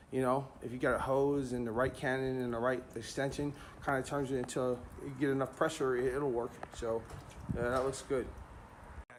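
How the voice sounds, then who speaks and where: A man with a Philadelphia accent hosting a car channel, talking in a laid-back, chatty way and swearing casually. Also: medium pitch. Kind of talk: casual vlog talk. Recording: noisy outdoor ambience. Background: outdoor noise.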